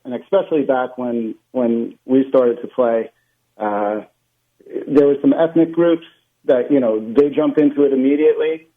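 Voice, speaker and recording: A man from Long Island being interviewed as a guest, speaking in a relaxed, hesitant way with many "um"s and "you know"s. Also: mid-range voice. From Long Island, New York. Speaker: guest, sporting director. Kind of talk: casual interview. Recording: phone-like remote call line.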